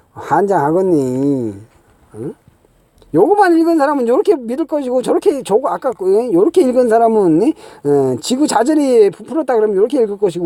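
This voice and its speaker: This channel host is a middle-aged man whose voice sits high and sounds mellow, with a dry recording. Exasperated and scoffing, he wanders through his explanation, leaning heavily on "ye" and tossing in rhetorical "eung?" checks.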